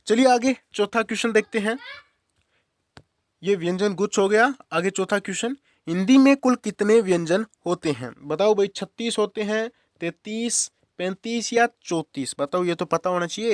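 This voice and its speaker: In a dry, studio-quality recording, a high-voiced young man teaches Hindi grammar for exam prep as a quiz. Addressing viewers casually as friends and brother, he repeats every question and answer so it sticks.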